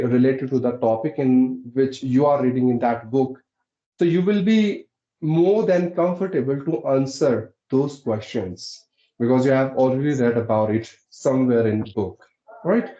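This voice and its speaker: A man's voice: medium pitch, warm tone. Polite man explaining, echoey room. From Uttarakhand, India. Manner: polite, explaining, frequent "right?". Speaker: English teacher, channel host. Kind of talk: casual conversation practice. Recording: echoey, dull lo-fi sound.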